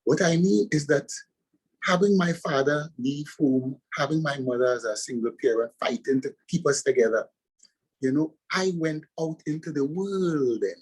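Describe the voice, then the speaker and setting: A man's voice: fairly high pitch, normal speed, breathy edge, poor audio. A man from Trinidad and Tobago with a Trinidadian accent, a pastor and author answering interview questions with earnest, preacherly emphasis.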